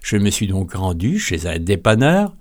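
A man's voice: sits low, big pitch swings, normal speed, darkish tone. A man from France with a French accent, telling humorous stories in a wry, literary, playful way. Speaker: storyteller. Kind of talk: humorous storytelling monologue.

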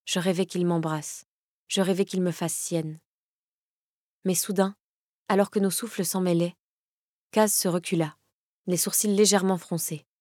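A woman narrates a first-person romance audiobook in a lowish voice. Her delivery is measured and intimate. The close studio recording is completely dry. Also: fairly even intonation, darkish tone, no room sound.

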